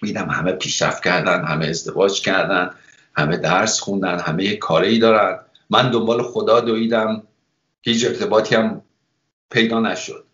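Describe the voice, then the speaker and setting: A man's voice: on the low side, fairly even intonation, fairly bright tone, muffled recording. Man telling his faith story in a roomy hall. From Iran. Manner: conversational storytelling, acts out remembered dialogue. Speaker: guest speaker giving a testimony. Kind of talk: personal conversion testimony. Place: church.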